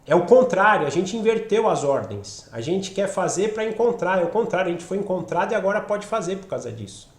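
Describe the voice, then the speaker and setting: A man with a Brazilian Portuguese accent teaching a Bible study, talking with a cold that leaves his voice a bit rough, often checking in with his listeners. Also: sits high, very animated, a little fast, hardly any pauses. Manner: conversational, asks listeners along, frequent "né?". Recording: roomy echo.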